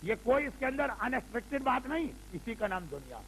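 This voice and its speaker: A man's voice: very high-pitched, sing-song, slight background noise, low-quality recording. An older man, a cleric, delivering a sermon in a repetitive, rhetorical style that mixes in English words. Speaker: Shia cleric preaching.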